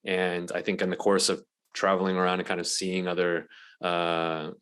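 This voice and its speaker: A man's voice: sits low, monotone, moderate pace, a bit bright, smooth. A man from Malaysia, a guest on an interview podcast, talking casually with many ums and restarts. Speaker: guest, venture investor.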